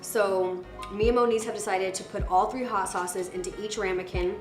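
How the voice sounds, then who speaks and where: A woman's voice: mid-range voice, fairly even intonation, moderate pace. A woman hosting a casual cooking show, chatting bubbly and laughing often as she cooks. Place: home kitchen. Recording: roomy kitchen with music underneath.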